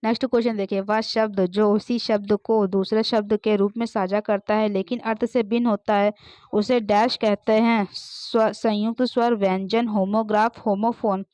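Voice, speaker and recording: A woman teacher going through multiple-choice exam questions, reading English sentences slowly and explaining answers. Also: medium pitch, little pitch movement, a little mellow, no room sound. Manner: frequent "ok, next dekhiye" refrains. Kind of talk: exam-prep lesson, reading MCQ options and answers. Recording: dull, dry, lo-fi sound.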